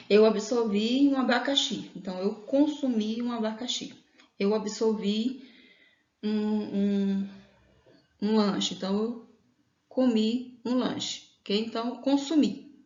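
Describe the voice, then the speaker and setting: A woman's voice: fairly high pitch, darkish tone. A woman with a Brazilian accent teaching an online grammar lesson, patiently explaining and often checking in with her listeners. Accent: Brazilian Portuguese. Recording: echoey room, dull lo-fi sound.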